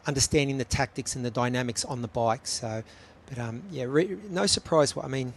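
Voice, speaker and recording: A man's voice: mid-range voice, fairly quick, slight background noise. A man giving live race commentary, analytical and chatty, with frequent ums between points.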